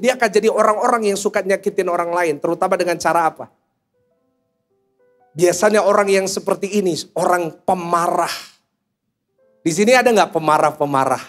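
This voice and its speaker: High-voiced jokey male pastor preaching. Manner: jokey, animated, asks the congregation questions. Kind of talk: sermon. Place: church service before a congregation.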